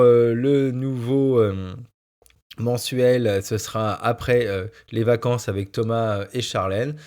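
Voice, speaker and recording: A man's voice: medium pitch, creaky, a little mellow. A man, a primary school teacher, hosting his own podcast in casual solo chat, hesitating often with fillers and restarts.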